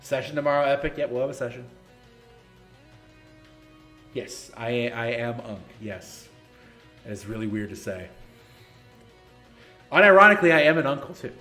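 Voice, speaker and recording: A man's voice: medium pitch, animated, normal speed, pauses often, sharp tone, soft background music. A man in his thirties hosting a casual live-stream Q&A for a gaming league, answering chat questions in a blunt, joking, sarcastic way. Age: 30s.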